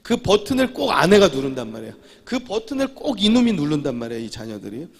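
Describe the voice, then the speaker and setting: A male pastor delivers an emphatic sermon, circling back on repeated phrases and rising to sudden loud declarations. His voice sits a little high and carries a gravelly, husky edge. The church sanctuary around him rings with a long reverb. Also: sing-song, quick pace.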